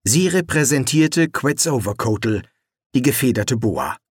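A narrator reading a fantasy audiobook in measured, expressive storytelling. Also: mid-range voice, husky, no room sound, clean studio sound. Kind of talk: scripted narration.

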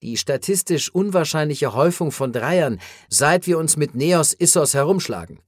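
A man's voice: on the high side, animated, moderate pace, husky, no room sound, studio quality. A man reading an audiobook voices an agitated, worried man who keeps pressing with questions. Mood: questioning.

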